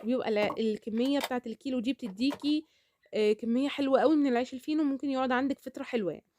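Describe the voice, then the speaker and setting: A woman's voice: sits high, steady tone, very fast, darkish tone. A woman with an Egyptian Arabic accent chatting casually in a cooking vlog, talkative and repeating herself, often checking in with "okay?". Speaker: cooking vlogger.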